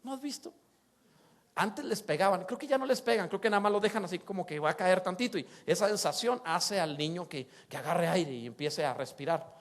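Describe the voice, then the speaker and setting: A pastor with a high-sitting voice preaches at a fairly quick clip, animated as he acts out quoted voices and swings between loud exclamations and soft asides.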